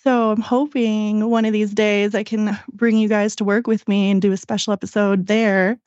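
A woman's voice: mid-range voice, flat delivery, normal speed, darkish tone, no room sound. A woman co-hosting a podcast in casual chat, on a slightly lo-fi recording. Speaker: podcast co-host. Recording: slightly dull, lo-fi mic sound.

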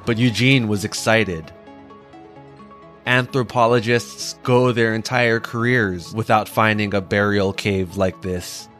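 A man narrating a story in a slow, measured way. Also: fairly low pitch, steady tone, fairly bright tone, soft background music.

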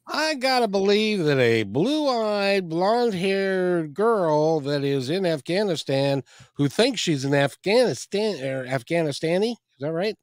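A man's voice: high voice, big pitch swings, measured pace, no echo, studio quality. A man hosting a talk show, chatting in a friendly way with a guest and closing the episode. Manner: friendly, chatty, repeats words. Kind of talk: casual interview and show outro.

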